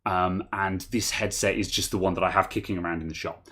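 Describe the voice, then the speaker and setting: A man's voice: sits low, steady tone, brisk, fairly bright tone, breathy edge. A man co-hosting a casual tech chat, rambling, restarting sentences and laughing often. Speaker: podcast co-host.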